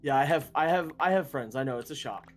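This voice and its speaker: A man's voice: fairly high pitch, expressive, quick pace, soft background music. A man streaming a game and chatting casually, rambling with frequent restarts and self-deprecating asides. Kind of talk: casual chat while gaming.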